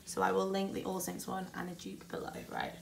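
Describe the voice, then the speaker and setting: A woman's voice: mid-range voice, monotone, brisk, gravelly, a little hiss or hum. A woman in her twenties with a Yorkshire accent, chatting casually to a handheld camera while out and about in a city, rambling and poking fun at herself. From Yorkshire, England. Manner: chatty, self-deprecating, rambling asides. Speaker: travel vlogger. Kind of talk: casual vlog chat to camera. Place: out and about in a city, indoors and outdoors. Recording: vlog with music behind.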